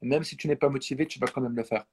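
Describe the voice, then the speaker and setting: A man from France chatting casually, halting and repeating words as he searches for the right phrasing. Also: medium pitch, fairly even intonation, a little mellow, slightly rough. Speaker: conversation partner. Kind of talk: casual multilingual chat.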